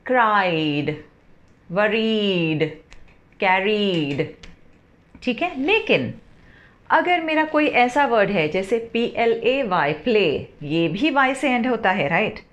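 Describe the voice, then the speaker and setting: A woman teaching English verb pronunciation, spelling words out slowly and often checking with a rising "theek hai?". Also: fairly high pitch, big pitch swings, lo-fi sound. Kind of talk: spoken lesson, spelling words letter by letter.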